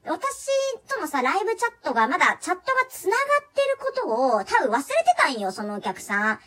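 A young woman telling a funny story from her job in a chatty, animated way, laughing often. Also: sits high, a little fast. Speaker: live chat performer telling a work story. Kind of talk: casual solo talk radio storytelling.

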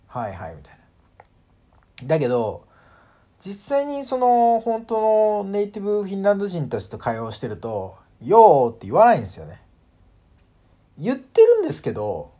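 A man hosting a casual solo audio talk, animated and full of fillers, acting out sounds as he explains. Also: on the high side. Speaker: podcast host.

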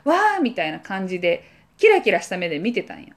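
This podcast co-host has a lowish, sing-song voice and talks fast. Chatting casually, she tells a story and performs the voices and sound effects herself.

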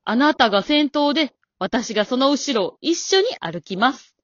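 A woman's voice: high voice, expressive, moderate pace, fairly bright tone, no room sound. Woman playing a stern, composed old wife. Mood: calm. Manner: polite, cool, scolding. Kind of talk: amateur radio drama. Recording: dull dry lo-fi recording.

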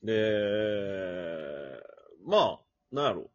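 A man co-hosting a podcast, telling a story in casual chat with lots of laughs and swings between loud and quiet. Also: on the low side, very animated, extremely slow. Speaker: podcast co-host. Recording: dull lo-fi podcast audio.

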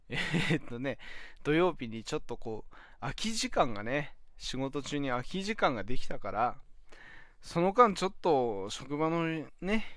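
A man's voice: medium pitch, a bit bright, clear, resonant tone, no room sound, clean studio sound. A young man hosting his own talk podcast, rambling casually with lots of fillers and self-deprecating laughs, recorded on a phone app. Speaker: podcast host.

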